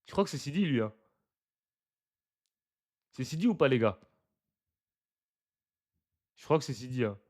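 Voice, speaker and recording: Slangy excitable young man streaming live. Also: medium pitch, measured pace, pauses often. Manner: slangy, excitable, bursts of loud exclamations between chatty analysis. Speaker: live streamer reacting to basketball footage. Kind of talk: casual live reaction commentary.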